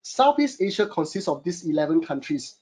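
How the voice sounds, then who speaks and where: A man's voice: fairly high pitch, very animated, fairly quick, darkish tone. A man from Singapore with a Singaporean English accent, presenting a webinar from a home studio in a chatty way, full of fillers. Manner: chatty, many fillers, addresses audience as guys. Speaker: webinar host and e-commerce consultant.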